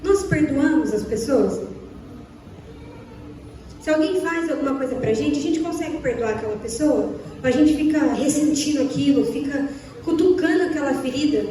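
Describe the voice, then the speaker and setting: A woman's voice: high-pitched, expressive, moderate pace, warm tone, slight background noise. A young Brazilian woman preaching a sermon to a church, asking the listeners repeated questions and acting out little dialogues. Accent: Brazilian Portuguese. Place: church hall. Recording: echoey church hall, from far off.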